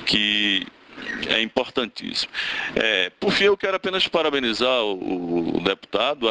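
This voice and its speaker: A man's voice: mid-range voice, bright, forceful tone, rough recording. A man giving courteous, formal remarks at a public hearing, with some hesitations. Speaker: hearing participant.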